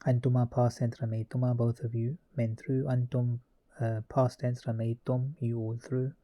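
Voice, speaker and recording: A man's voice: medium pitch, normal speed, lo-fi sound. A man teaching a grammar lesson, methodically reciting verb conjugations one form after another. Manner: methodical, reciting verb forms in a steady list.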